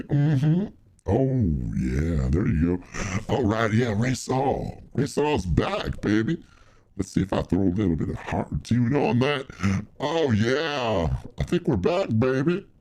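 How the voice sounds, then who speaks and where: Super deep pitch-shifted crooner guy a host doing it, slow and drawly, swoops all over, says baby a lot. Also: mellow. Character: smooth crooning male lover voice "Ray Saul". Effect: deep pitch-shifted voice filter.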